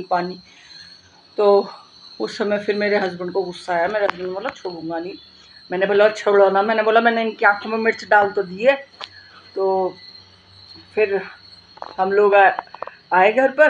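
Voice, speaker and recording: A woman vlogger telling a personal story in a casual, animated way, acting out the voices of the people she quotes and swearing now and then. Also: medium pitch, a little hiss or hum.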